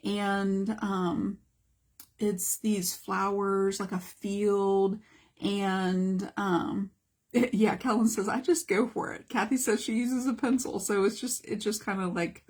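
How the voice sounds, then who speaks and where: A woman's voice: medium pitch, level tone, slow pace. A middle-aged woman art teacher giving a chatty live-streamed lesson and greeting viewers as she goes.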